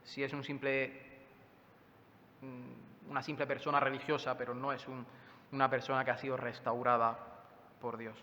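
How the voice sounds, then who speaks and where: A man's voice: mid-range voice, little pitch movement, normal speed, pauses often, bright, forceful tone, long reverb tail, a little hiss or hum. A man with a Spain Spanish accent preaching a Sunday sermon in a church, talking conversationally and asking his listeners rhetorical questions. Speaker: pastor preaching.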